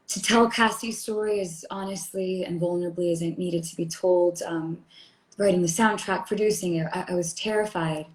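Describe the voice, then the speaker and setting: A woman with a slightly low voice talking earnestly and openly in a casual livestream chat. She is quick to laugh, speaking into a phone from a hotel room. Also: a little mellow, reverberant. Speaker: actress.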